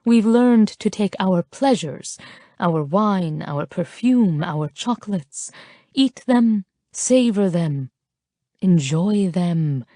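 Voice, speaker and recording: Woman doing a French-accented Frenchwoman, worldly, teasing, slow, warm. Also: fairly low pitch, lively intonation, dry recording, clean studio sound. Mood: persuasive.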